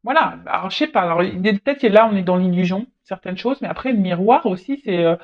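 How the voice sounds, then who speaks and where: A tarot reader giving a casual reading, speaking haltingly, repeating words and adding frequent tag words. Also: medium pitch, animated. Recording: dull lo-fi recording.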